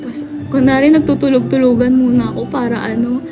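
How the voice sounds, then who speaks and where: A young woman from the Philippines hosting a live stream, telling a story casually to her chat and acting out family members' shouting. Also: high voice, steady tone, fast, music in the background. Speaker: livestream host.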